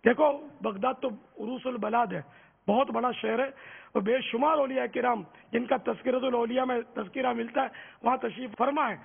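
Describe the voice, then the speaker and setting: A man's voice: very high voice, gravelly, breathy edge, big-room sound. An older man, a religious scholar, explaining answers and correcting pronunciation on a quiz show. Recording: tinny phone-like broadcast audio.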